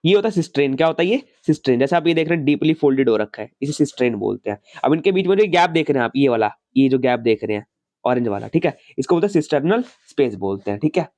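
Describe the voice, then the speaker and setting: A man's voice: medium pitch, expressive, fast, a little mellow. A man teaching a science class in a casual, chatty way, asking questions and answering them himself and explaining with homely family stories.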